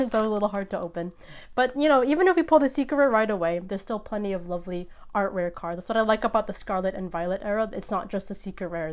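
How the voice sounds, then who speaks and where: A woman hosting a casual unboxing video, chatting excitedly and sometimes tripping over her words. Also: mid-range voice. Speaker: host opening trading card packs.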